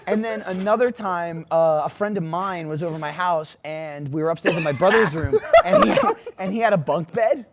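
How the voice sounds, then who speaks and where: A man's voice: high-pitched, moderate pace, hardly any pauses, heavy background noise. A man telling casual anecdotes among friends, giggly and laughing through his words.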